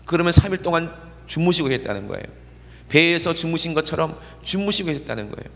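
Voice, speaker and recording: A middle-aged pastor delivers a chatty sermon and keeps asking his listeners to agree. His voice sits a little high for a man. It rings out with a long reverb in the church. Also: expressive, quick pace, gravelly, fairly bright tone. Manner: conversational, keeps checking in with the congregation. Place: church sanctuary.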